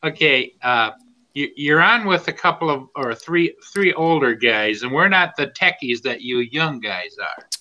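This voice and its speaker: A man's voice: fairly high pitch, lively intonation, a little slow, bright, forceful tone, dull audio. A man in his sixties chatting on a stream, cracking wry jokes and stammering on repeated words. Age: 60s. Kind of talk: casual chat on a live stream.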